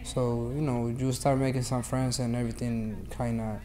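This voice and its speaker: Flat, mellow young man. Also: medium pitch, normal speed, slight background noise. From Honduras. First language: Spanish. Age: late teens. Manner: earnest, determined, many fillers. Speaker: student activist. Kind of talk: interview testimony.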